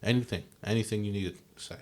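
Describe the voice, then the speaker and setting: A young man with a very low, deep voice chats casually on a podcast. He rambles, backs up and restarts his sentences, and leans on fillers as he talks. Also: fast, darkish tone. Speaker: podcast co-host. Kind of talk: casual chat.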